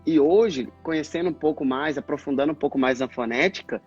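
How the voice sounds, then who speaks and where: A man, a speech therapist, explaining pronunciation in a casual live chat, in halting bursts. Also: on the high side, darkish tone, husky. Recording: dull lo-fi stream audio, faint music.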